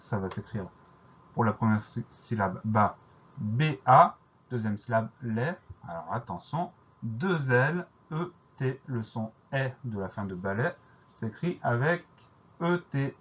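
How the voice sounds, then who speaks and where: A man teaching a dictation lesson, who explains each word slowly and carefully and spells it out letter by letter. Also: medium pitch, slightly rough, muffled recording.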